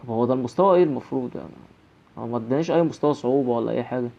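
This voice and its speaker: A man's voice: medium pitch, very fast, vocal fry, lo-fi sound. A young man with an Egyptian Arabic accent giving horror game commentary, jumpy and nervously rambling. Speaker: gaming channel host.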